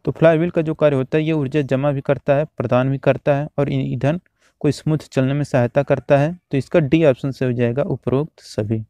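Man drilling exam answers, mellow voice. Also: medium pitch, fairly quick, dry recording. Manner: steady, repetitive exam-drill delivery. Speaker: teacher. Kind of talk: reading out and answering quiz questions.

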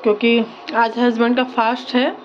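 A woman in her thirties talks viewers through her kitchen and evening routine in a relaxed, chatty way. Her voice sits a little high. The phone audio is slightly dull and lo-fi. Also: normal speed, slight background noise. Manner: chatty, explains household chores to viewers. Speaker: vlogger and mother. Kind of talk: casual home vlog narration.

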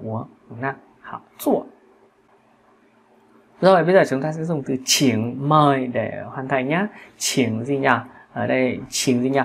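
A man teaching a language class with a gravelly, creaky voice. He talks patiently, repeats each word, and keeps checking that his students follow. A faint hiss sits under the recording. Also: medium pitch, fairly bright tone. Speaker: Chinese teacher. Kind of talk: classroom lesson.

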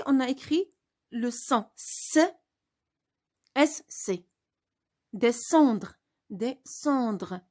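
A woman's voice: sits high, a little mellow. A woman teaching a spelling lesson, spelling words out letter by letter and asking questions she answers herself.

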